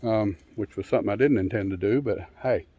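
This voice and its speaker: Casting: male homestead vlogger, fifties, slightly low voice, gummy denture-less diction, casual outdoor chat. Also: brisk, narrow, tinny audio. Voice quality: mealy-mouthed, slurred toothless speech without dentures. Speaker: homesteading channel host. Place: outdoors in a yard by a wooden house.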